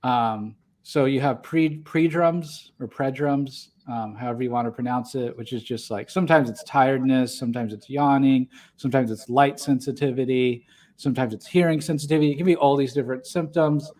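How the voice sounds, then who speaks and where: A man's voice: mid-range voice, fairly even intonation, fairly quick, darkish tone. A man co-hosting a casual livestream podcast, talking in a rambling way with many fillers and restarts. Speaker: podcast co-host.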